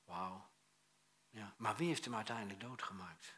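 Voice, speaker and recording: A man preaching a lively sermon in speech, telling stories with many restarts and acting out the voices he quotes. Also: on the low side, moderate pace, a little hiss or hum. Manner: animated storytelling with many restarts and asides; acts out quoted voices, swings loud and soft.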